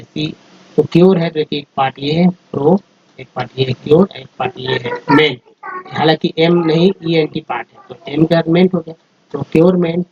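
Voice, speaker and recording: A man's voice: fairly high pitch, darkish tone, a little hiss or hum. A man teaching English phonics over slides, patiently spelling out letters and sounding out words one by one. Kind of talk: slide-based phonics lesson. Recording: dull lo-fi recording.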